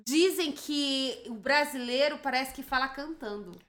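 A Brazilian woman co-hosting a casual livestream chat, animated and teasing and quick to scold her partner. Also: sits high. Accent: Brazilian Portuguese. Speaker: livestream co-host.

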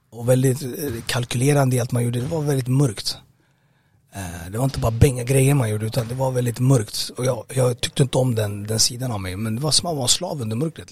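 A man's voice: mid-range voice, husky. A man giving a personal testimony in an interview, speaking hesitantly with many fillers and restarts. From Sweden. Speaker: interview guest.

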